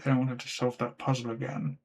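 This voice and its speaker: A man's voice: mid-range voice, flat delivery, fast, creaky, darkish tone. A frustrated man giving gameplay commentary at his computer, swearing constantly and talking to himself. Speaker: let's play gamer.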